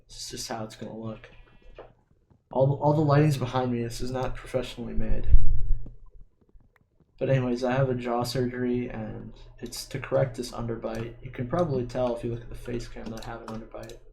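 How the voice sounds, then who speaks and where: A man's voice: mid-range voice, flat delivery, fairly quick, vocal fry, a little mellow, a little hiss or hum, rough recording. A young man with a slight lisp on his S sounds, chatting casually and hesitantly while he plays a video game. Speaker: vlogger playing a video game. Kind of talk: casual rambling chat while gaming. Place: dim room at home at a computer. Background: keyboard and mouse clicking.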